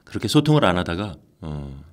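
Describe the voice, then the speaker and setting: A man's voice: sits low, brisk. A middle-aged man, a voice actor who runs an acting academy, answering interview questions in a casual way and acting out the lines he quotes. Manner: animated storytelling, acts out quoted lines.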